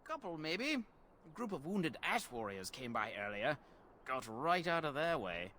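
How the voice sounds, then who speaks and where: A high, smug bandit boss. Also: male voice, sing-song, measured pace, pushed and bright, slight background noise, full character voice. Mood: groveling. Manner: sly, sarcastic, then groveling. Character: smug bandit leader running a fake toll.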